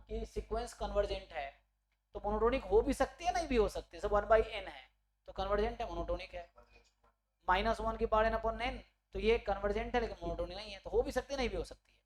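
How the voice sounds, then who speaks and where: A man's voice: high voice, rough recording. A man giving an online exam-prep maths lecture. He explains step by step, keeps checking in with his students, and corrects himself mid-sentence. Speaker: maths teacher.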